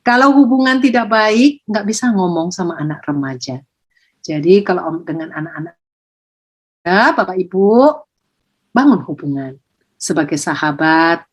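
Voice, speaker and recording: A woman giving a lively parenting talk to parents, jumping into high-pitched quotes of parents.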